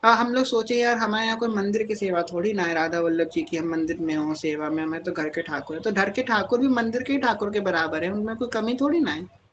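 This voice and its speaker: Calm woman spiritual guide, mid-pitched, teaching patiently on a live call with faint noise behind her. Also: brisk, dull audio. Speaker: spiritual guide answering devotees. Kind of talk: devotional Q&A talk on a live call.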